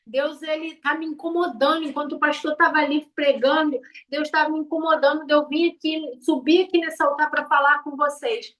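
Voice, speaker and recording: A woman's voice: high-pitched, steady tone, a little fast, hardly any pauses, fairly bright tone. A woman with a Brazilian Portuguese accent giving a passionate testimony from a church altar, repeating herself as she pleads. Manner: passionate, repetitive, rising to fervent pleas. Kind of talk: preaching testimony.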